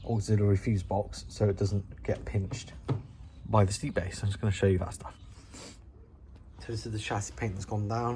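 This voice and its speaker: A man's voice: fairly low pitch, noisy background. A man hosting a do-it-yourself build video, explaining the work in an informal, casual way. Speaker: DIY bus conversion video host.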